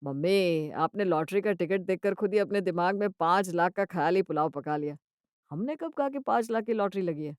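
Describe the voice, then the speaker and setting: Woman voicing a smug grown son, lower voice, laid-back teasing, dry. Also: animated, a little fast, smooth, no echo, natural voice.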